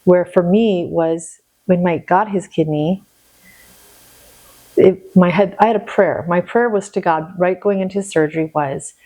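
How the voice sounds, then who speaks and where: A woman from the Seattle area telling a personal faith story in casual conversation, animated and acting out her own prayers. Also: on the low side, unhurried, low-quality recording. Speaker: podcast guest.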